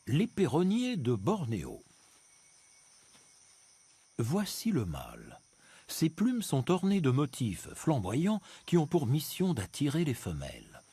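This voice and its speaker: A man narrating a nature documentary from a script, in a measured, expository storytelling manner with dramatic emphasis. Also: fairly high pitch, huge pitch swings, mellow, breathy edge. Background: music bed behind the voice.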